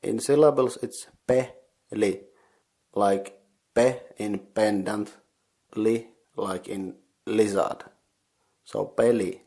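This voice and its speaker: A Finnish podcast host with a Finnish accent teaches board gamers Finnish words, patiently and slowly spelling them out syllable by syllable. His voice is on the low side with a darkish tone. He's recording indoors in an unheated sauna.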